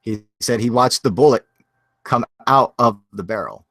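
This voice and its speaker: A man's voice: medium pitch, moderate pace, fairly bright tone, no echo. A man telling a story in a casual, rambling way, full of fillers and frequent laughs.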